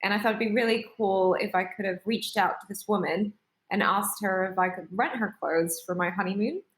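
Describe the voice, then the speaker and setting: In a podcast interview, a startup founder from Singapore tells her story in a measured, articulate manner. Her voice is mid-range, the sound is roomy, and the audio quality is poor.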